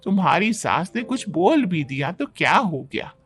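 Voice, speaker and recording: Calm older mother, gentle advice, put on by a man. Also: high voice, moderate pace, soft background music. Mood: soothing. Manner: soothing, advising.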